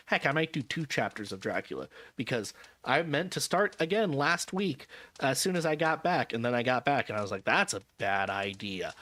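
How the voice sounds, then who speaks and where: Fairly high-pitched and a bit bright, the voice belongs to a male vtuber streamer chatting casually with his audience. Weary and a touch jet-lagged, he rambles and keeps correcting himself, throwing in wry comments.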